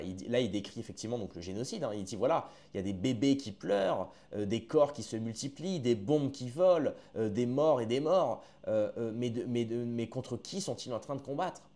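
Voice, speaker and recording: A man of middle pitch talks casually through a reaction video, chatty and familiar with his viewers. He often restarts his sentences as he works through his thoughts. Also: warm tone. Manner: chatty, addresses viewers as friends, hesitant with restarts. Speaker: online commentator.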